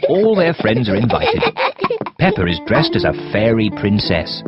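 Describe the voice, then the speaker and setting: A man giving scripted storybook narration for a children's cartoon, with lo-fi sound and loud music behind. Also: fairly low pitch, wildly swooping pitch, moderate pace. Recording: lo-fi audio under loud music.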